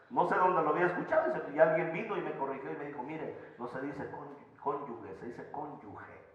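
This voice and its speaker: Male pastor, sermon, fairly high voice, booming echo of a church hall. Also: brisk. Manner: preaching with swings between loud emphasis and soft asides. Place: church sanctuary. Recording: echoey church hall, slightly dull sound.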